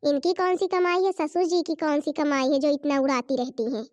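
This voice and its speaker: A woman playing a resentful young daughter-in-law in a cartoon, complaining and indignant about her in-laws. Her voice is high and dry. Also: moderate pace, a little mellow, dry recording, lightly acted.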